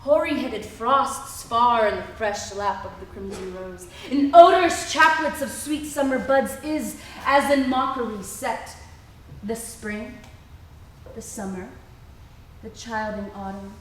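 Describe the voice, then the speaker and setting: A woman's voice: a little high, a little slow, a bit bright, slight background noise. A woman playing a proud, indignant fairy queen in theatrical, declamatory Shakespearean stage verse. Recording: very echoey hall, far from mic.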